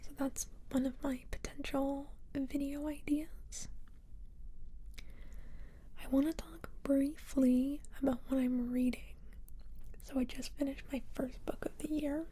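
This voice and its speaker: A woman whispering softly close to the ear into desk microphones, chatting casually in an ASMR ramble. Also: high-pitched, flat delivery, a little slow. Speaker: ASMR video creator. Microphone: close ear-to-ear microphones on a desk boom arm.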